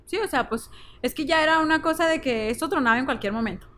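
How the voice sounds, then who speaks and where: A woman's voice: high-pitched, fast, fairly bright tone. A woman with a Mexican accent, a podcast guest talking candidly and emphatically in slangy casual speech. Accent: Mexican Spanish.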